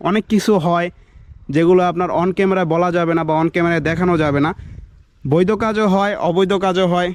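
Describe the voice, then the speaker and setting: A young man with a Bangladeshi Bengali accent, vlogging casually outdoors in fast, chatty talk mixed with English words. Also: high-pitched, clear, resonant tone. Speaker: motovlogger. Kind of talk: casual outdoor moto vlog. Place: outdoors by a roadside.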